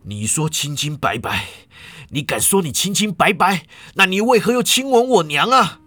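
A man voicing a furious, vulgar young swordsman who shouts and curses accusations. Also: medium pitch, big pitch swings, normal speed, husky, no room sound. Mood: cold, bitter. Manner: shouting, cursing.

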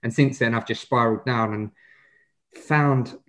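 A man's voice: mid-range voice, steady tone, measured pace, fairly bright tone. A man in his twenties with an Essex accent, giving casual, informal interview answers as a guest, often hesitating and rephrasing. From Essex, England. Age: 20s. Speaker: podcast guest, wealth manager.

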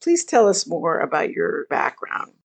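A woman investor, formerly a chief investment officer, speaking in an interview with measured, deliberate explanations. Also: lowish voice, sing-song, gravelly, rough recording. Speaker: investor, former endowment CIO. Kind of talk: interview conversation.

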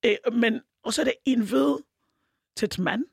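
A woman guest speaking in a casual discussion, hoarse from shouting, who talks in an animated way. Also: fairly high pitch, no room sound, studio quality. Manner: animated, mimics others with put-on voices, laughs often. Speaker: guest activist.

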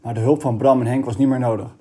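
A man reading a children's novel aloud in a steady, expressive way. His voice sits at an ordinary pitch and has a mellow, relaxed tone. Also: fast. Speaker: audiobook reader.

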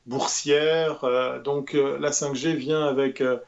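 A man co-hosting a casual tech podcast, speaking in a measured, hesitant way. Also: medium pitch, little pitch movement, gravelly. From Switzerland. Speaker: podcast co-host. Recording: slightly dull lo-fi mic.

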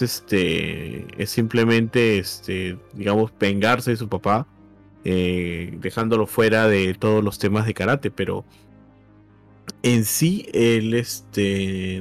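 A man with a lowish voice talks in a casual chat. He hesitates often and pauses with fillers. Faint music plays behind him.

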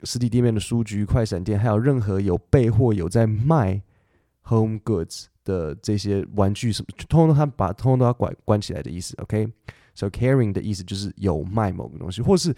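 A man hosts a casual podcast lesson in a low, mellow voice. He chats easily, pausing and restarting as he thinks aloud. The sound is dry and close, with no room echo. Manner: relaxed, chatty, thinks aloud with fillers and restarts; reads English news text slowly and carefully. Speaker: English teacher podcast host.

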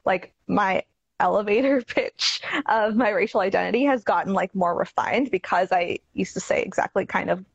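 Podcast host, woman; mid-pitched, husky, gravelly, casual and chatty. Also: moderate pace, dry recording, dull audio. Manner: chatty, frequent "like" and laughs. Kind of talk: casual interview.

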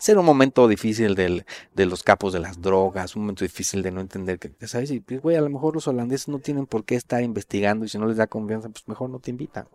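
A middle-aged man with a Mexican Spanish accent is an interview guest, casually telling stories packed with slang and swearing. His voice sits on the low side and moves quickly with few pauses, and he gets animated when quoting other people.

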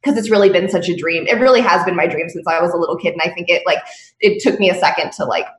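A woman's voice: fairly low pitch, quick pace. Hesitant dancer woman, roomy sound. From Las Vegas. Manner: hesitant, many ums and likes. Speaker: dancer guest. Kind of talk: casual interview chat. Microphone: video call from home.

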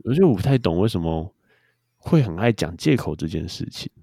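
Brief: young man, deep dark voice, quick casual podcast chatter, dry close mic. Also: very animated, vocal fry, no echo. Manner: chatty storyteller. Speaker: podcast co-host. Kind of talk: casual chat.

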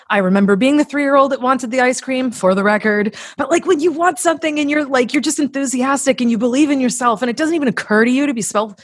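A woman with a slightly high voice appears as a podcast guest, an author and coach giving conversational motivational advice. She's emphatic, blunt and casually sweary, acting out examples, in a dry, studio-quality recording.

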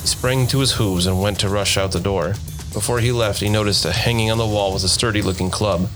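Deep-voiced male audiobook narrator. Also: steady tone, fairly quick, music in the background. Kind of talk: scripted fantasy audiobook narration.

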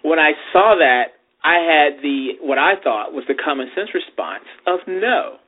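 A man's voice: fairly high pitch, expressive, unhurried. A man hosting a podcast in casual, conversational debate. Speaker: podcast host. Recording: thin phone-like radio sound.

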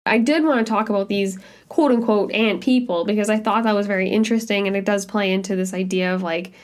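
A woman's voice: medium pitch, fast. Giggly, skeptical woman podcast co-host. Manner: giggly, skeptical, filler-heavy. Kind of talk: casual chat.

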